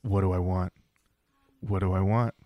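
A man co-hosting a podcast, chatting casually and telling jokey stories in an animated way. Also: low voice, normal speed, dry recording, dull audio. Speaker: podcast co-host.

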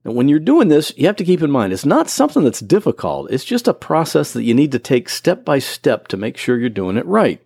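A man's voice: medium pitch, wildly swooping pitch, a little fast, vocal fry, hardly any pauses, a little mellow, slightly rough, no echo. A man hosting his own computer help podcast, explaining things patiently step by step in plain words. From Florida. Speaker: podcast host and computer tutor. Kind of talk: solo instructional podcast.

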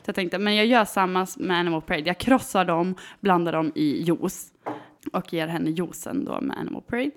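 A woman in her thirties telling a story in a casual, animated chat, with lots of fillers and hesitations. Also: fairly low pitch. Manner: animated, full of fillers, acts out quoted voices.

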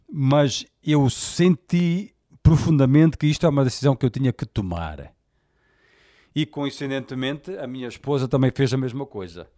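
In a dry, clean studio recording, a Portuguese podcast host in his forties talks with a warm, medium-pitched voice and a European Portuguese accent. His monologue is candid and colloquial, and he uses fillers often.

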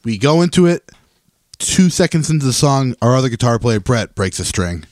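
A man's voice: medium pitch, very animated, normal speed, darkish tone, dry recording, clean studio sound. A young man, a guitarist on a podcast, telling an embarrassing gig story in a plain, self-deprecating way. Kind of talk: casual chat.

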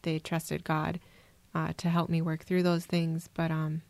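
Woman from Minnesota, podcast guest, reflective, soft-spoken, dry close sound. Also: sits low, monotone, unhurried, vocal fry, dry recording. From Minnesota, USA. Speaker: guest adoptee. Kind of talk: personal storytelling interview.

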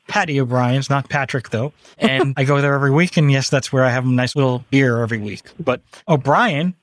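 A man's voice: mid-range voice, fairly quick, no room sound. A man hosting a radio talk show, joking and chatting casually with his co-hosts in the studio.

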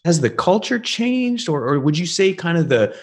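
A man's voice: fairly high pitch, sing-song, moderate pace. A man hosting an interview, rambling through his questions with many fillers. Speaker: interview host. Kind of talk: casual interview.

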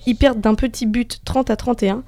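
A woman's voice: on the high side, steady tone, fairly quick, mellow, no room sound. A woman giving a semi-scripted sports report on the radio, with casual asides to her colleagues. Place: radio studio.

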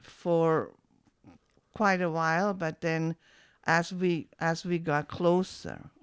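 A woman in her seventies reminiscing in an oral history interview, halting with many restarts. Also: deep voice, steady tone, smooth, dry recording, studio quality. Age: 70s.

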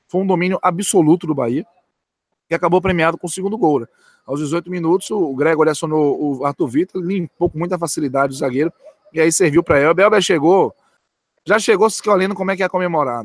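A man's voice: fairly high pitch, dry recording. Emphatic man analyzing a football match. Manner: emphatic, repeats key words. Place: football stadium stands.

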